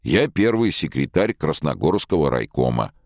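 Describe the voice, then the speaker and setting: A man's voice: a bass voice, very animated, moderate pace, darkish tone, no echo, studio quality, heavily acted. A man voicing a haughty, imperious Soviet party official, middle-aged, in an audiobook. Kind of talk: audiobook character voice.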